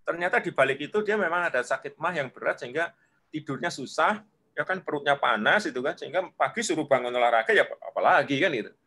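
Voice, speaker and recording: A man, guest leadership coach, explaining at length and acting out examples, often sinking to a soft low voice. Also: lively intonation, fast talker. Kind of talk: explaining in an online talk.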